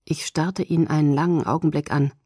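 A woman reads a novel aloud in the first person, soft and hushed, sometimes near a whisper. Her voice is low, mellow and breathy. The sound is close and dry. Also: steady tone, brisk, no room sound. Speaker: audiobook narrator.

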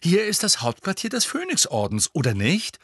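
Male narrator voicing a know-it-all teen girl, stern, raised pitch, bright close sound. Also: huge pitch swings, moderate pace, husky, no room sound, full character voice. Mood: lecturing. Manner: stern, precocious. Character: earnest bossy teenage girl, know-it-all.

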